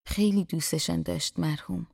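A woman voicing a kind older male scholar who speaks softly and with measured affection in an audiobook reading. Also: a little high, fairly even intonation, vocal fry, dry recording, studio quality. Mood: calm.

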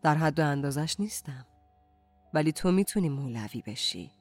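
A narrator voicing a calm, gentle male Sufi mystic who speaks softly and reflectively, over faint music. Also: mid-range voice, dry recording. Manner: soft-spoken, slow and reflective. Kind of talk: audiobook character reading.

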